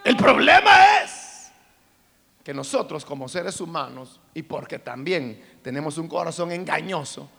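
A man preaching a sermon, emphatic and dramatic, swinging from shouts to hushed tones. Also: a little high, moderate pace, creaky, few pauses, slight background noise. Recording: long reverb of a large hall.

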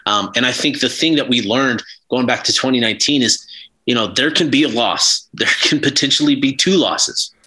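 A man's voice: medium pitch, normal speed, pushed and bright, slightly rough, rough recording. A man co-hosting a casual sports podcast, rambling with lots of fillers and restarts. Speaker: podcast co-host.

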